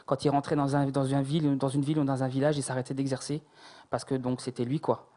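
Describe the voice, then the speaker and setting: A man in his forties from France, giving a halting personal testimony with many pauses and fillers. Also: mid-range voice, little pitch movement, warm tone. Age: 40s. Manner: measured, hesitant, many fillers.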